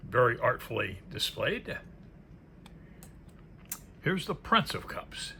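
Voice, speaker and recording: A man with a mid-range, gravelly voice presents a tarot deck in casual, unscripted commentary, musing aloud and trailing off into murmured asides. He sounds very animated, speaks slowly, and his tone is pushed and bright. Faint background noise sits under the recording.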